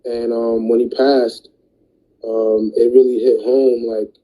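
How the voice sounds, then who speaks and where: A man's voice: mid-range voice, little pitch movement, slow pace, mellow, rough recording. A man, a music artist and producer, talking in a laid-back, slangy way in an interview, full of "you know what I mean". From New Jersey. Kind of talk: casual interview talk.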